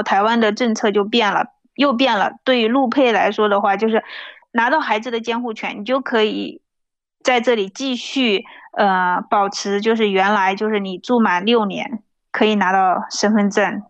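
A woman's voice: mid-range voice, fairly even intonation, moderate pace, no room sound, muffled recording. A woman in her thirties from mainland China tells a personal story plainly and unhurriedly, with small restarts. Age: 30s.

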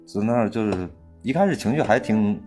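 Low-voiced man telling a raw story. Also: lively intonation, mellow, faint music behind. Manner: halting, many restarts and fillers, rising heat when angry. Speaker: volunteer aid worker telling his story. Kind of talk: casual spoken storytelling.

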